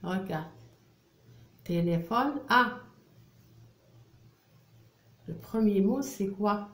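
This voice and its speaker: A woman teacher, slowly drilling French syllables for young children and repeating each one. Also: medium pitch. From Algeria. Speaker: primary school French teacher. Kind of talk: reading lesson for young children. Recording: roomy echo.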